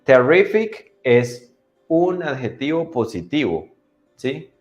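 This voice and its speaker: A man teaching English to children in an online class, often checking they follow and drilling pronunciation slowly. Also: mid-range voice, sing-song, darkish tone, faint music behind. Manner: teacherly, asks for agreement after each point.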